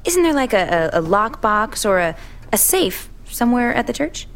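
A nervous chatty young woman, lots of little laughs, gravelly fry in the voice, radio drama. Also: a little high, very animated, normal speed. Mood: anxious. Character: friendly evasive young woman guest.

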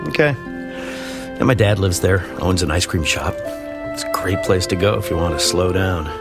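An actor playing an easygoing, helpful young man in a radio drama, relaxed and sometimes stumbling over his words. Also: sits low, measured pace, music in the background. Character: easygoing young man, helpful small-town youth worker.

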